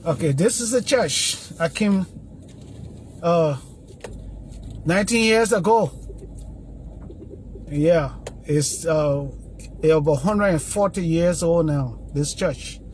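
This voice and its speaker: A man's voice: fairly high pitch, slow pace, pauses often, a little mellow, a little hiss or hum. An older man, talking earnestly and rambling in a casual phone vlog outside his church. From Liberia. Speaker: video blogger. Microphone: phone camera.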